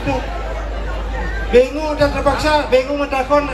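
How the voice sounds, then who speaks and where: A Balinese-accented man works a live audience as a traditional stage comedian. His voice sits very high, and he teases and repeats phrases for effect. He is heard from a distance through an echoey space, with loud crowd laughter around him. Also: level tone, unhurried. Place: large performance stage with audience.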